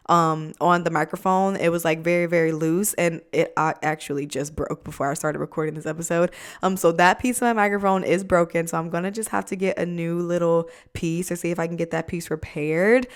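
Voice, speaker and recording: A woman in her twenties hosts a podcast in casual chat, speaking close into a USB desk mic at home. Her voice is fairly low and clean in tone but nasal and congested from a cold. She's chatty, with lots of fillers and "like."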